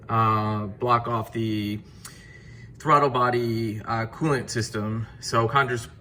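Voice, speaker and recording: Brief: young adult man, mid-pitched, easygoing how-to narration over faint shop noise. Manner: relaxed, step-by-step, frequent fillers. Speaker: car DIY video host. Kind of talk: casual how-to narration while working. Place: home garage workshop.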